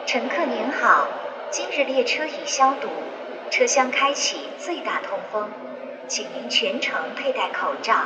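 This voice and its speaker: Woman, formal train announcer, dull subway announcement, varied intonation, clear background noise. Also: a little high, expressive, measured pace. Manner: formal passenger-information delivery. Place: inside an airport express train. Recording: dull noisy train public address. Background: train ambience and clear noise.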